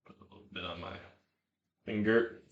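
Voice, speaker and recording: A man's voice: fairly low pitch, fairly even intonation, normal speed, highs cut off, a little hiss or hum. A man chatting casually and thinking aloud as he streams, with some swearing. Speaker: streamer cooking on a livestream. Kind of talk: casual rambling chat to self and viewers. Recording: echoey room sound.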